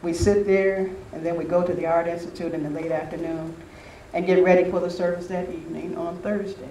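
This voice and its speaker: An older man addresses a spiritual retreat gathering in an easygoing, anecdotal way, recalling old memories. His voice is high and mellow, with a level tone and a fairly quick pace. A distant mic gives a roomy recording with faint background noise.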